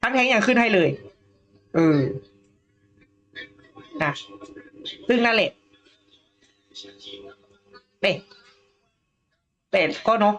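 A woman's voice: fairly high pitch, animated, takes it slowly, long pauses, a bit bright, soft background music. A woman co-hosting a news talk show, thinking aloud in a casual panel discussion with frequent hesitations.

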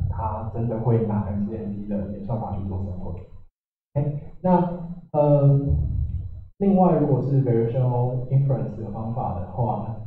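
A man giving a technical talk at a meetup, halting, with many fillers and restarts. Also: medium pitch, slight background noise. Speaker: meetup speaker. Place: meetup room. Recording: echoey room, far from mic, tinny.

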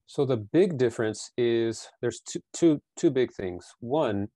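Here the forties-aged founder sounds lowish and warm, with no audible room. He's in a small bedroom on a video call with a headset over his ears, earnestly working through interview questions and repeating words as he gathers his thoughts.

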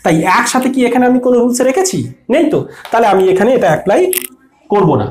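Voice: medium pitch, animated, quick pace, darkish tone, soft background music. Patient teacher in an echoey room. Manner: explains patiently, asks questions and answers them. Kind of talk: exam-prep lesson.

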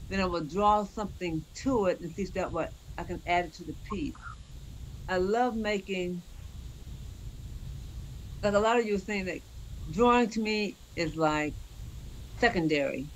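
A man's voice: on the high side, slight background noise, poor audio. A man, a sculptor on an online panel, talking in a casual, rambling way. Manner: casual, rambling, informal grammar. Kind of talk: panel discussion over video call. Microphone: video call.

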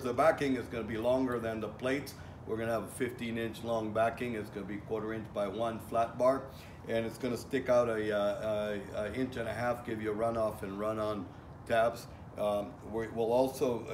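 A middle-aged man teaching welding outdoors in a plainspoken way, with many fillers and restarts, recorded from a far camera. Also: medium pitch. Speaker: welding instructor. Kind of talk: casual outdoor lecture. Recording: echoey, from a distance, faint ambient noise.

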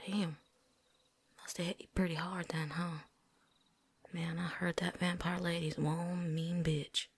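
A woman's voice: on the low side, breathy edge, exaggerated voice. A woman voicing a chatty, folksy veteran vampire hunter with a put-on drawl and casual slang, talking around something in her mouth, in a whispered role-play.

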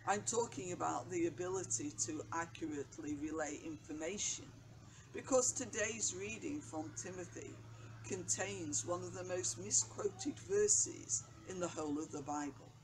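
An older woman vicar reading a daily reflection and prayers from her notes, seated outdoors. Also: on the low side. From England. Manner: slow, measured reading from notes. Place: outdoors by a brick wall on a bench. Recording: noisy outdoor recording.

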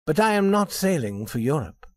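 Man doing an earnest young gentleman. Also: on the high side, big pitch swings, normal speed, no echo, clean studio sound, pitched above the performer's own voice. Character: courteous young gentleman guest.

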